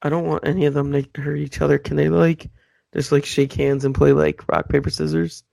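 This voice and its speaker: A man co-hosts a podcast in casual chat, dryly teasing his partner with mock insults. His voice is gravelly and mellow, a touch higher than most men, and recorded close and dry. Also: flat delivery, brisk, no room sound. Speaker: podcast co-host.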